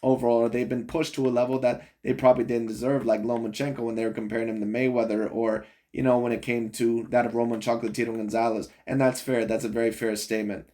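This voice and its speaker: A man gives warm-toned, flat-sounding commentary at a quick pace and medium pitch while reviewing a boxing video. He rambles through his casual opinions, chuckles often, and repeatedly says "overall" and "in my opinion."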